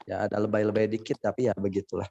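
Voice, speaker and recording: A man's voice: fairly low pitch, little pitch movement, very fast, gravelly, warm tone. Chatty man teaching English, lo-fi. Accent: Indonesian. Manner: chatty, laughs often, imitates accents. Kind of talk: classroom lesson, casual explaining. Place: classroom with students.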